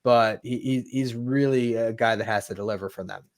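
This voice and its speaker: A man's voice: medium pitch, fairly even intonation, moderate pace, no room sound, clean studio sound. A man co-hosting a sports talk show, speaking conversationally with stammering repeats. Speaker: podcast co-host.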